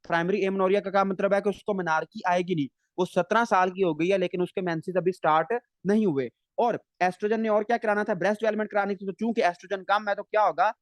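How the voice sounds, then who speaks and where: A high-pitched man teaches a live online medical class. He fires questions at his students and answers them himself, drawing out the key terms slowly. The sound is dry and close, with no room echo. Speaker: medical lecturer.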